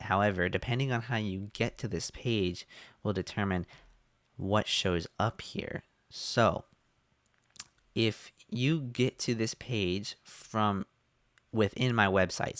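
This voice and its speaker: Low-voiced man walking through his web design. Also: dry recording. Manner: relaxed, many fillers and restarts. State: losing his voice. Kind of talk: casual screen-share walkthrough.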